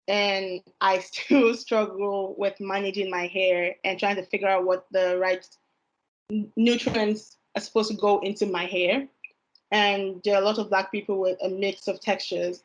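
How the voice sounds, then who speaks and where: A young woman in her twenties hosting a panel podcast, asking questions slowly and carefully. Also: medium pitch, low-quality recording. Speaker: podcast host.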